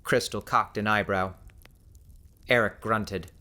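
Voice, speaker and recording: Reading scripted fiction as an audiobook narrator, this man tells the story in a measured, descriptive way. His voice is lowish, with a steady, sharp tone.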